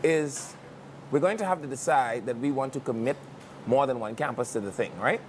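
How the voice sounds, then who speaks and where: A man hosting a talk show, talking rapidly and rambling through his argument. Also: medium pitch, slight background noise. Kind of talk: casual talk show chat.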